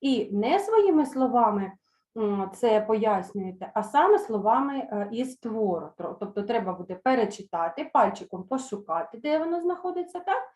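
A middle-aged woman teacher reads a children's story aloud, then slowly sounds out words for her pupils to repeat. Her explanations come with small hesitant fillers. The voice sits at an ordinary pitch and carries a roomy echo. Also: lively intonation, a little mellow. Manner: slow, careful pronunciation of words for pupils to repeat. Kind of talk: reading a children's story aloud in an online lesson.

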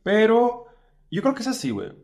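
Slangy comedian with a lively voice. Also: male voice, high-pitched, normal speed, gravelly. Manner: slangy and animated, with lots of fillers. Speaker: stand-up comedian guest. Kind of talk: casual podcast chat.

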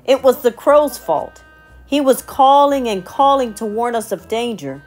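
Woman voicing a jittery storybook monkey, high, loud, nervous. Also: slow pace, faint music behind.

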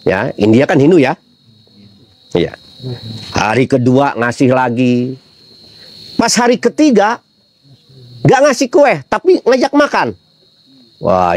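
A man's voice: mid-range voice, darkish tone, no room sound. A middle-aged man, preaching a casual sermon full of funny anecdotes and rhetorical questions to his listeners. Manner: chatty, humorous storytelling with rhetorical questions to the audience.

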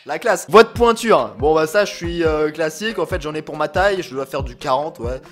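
Young man, high voice, playful and self-mocking, talking to camera, faint music behind. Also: lively intonation, a little fast. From southern France. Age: 20s. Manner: joking, playful, talks straight to the viewer; records standing, bent over his desk. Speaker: YouTuber. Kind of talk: casual self-deprecating vlog chat.

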